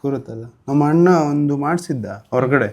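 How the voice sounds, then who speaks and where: A vlogger with a Karnataka Kannada accent chats casually to his viewers, calling them "guys." His voice is medium-pitched and darkish, and he talks fairly quickly.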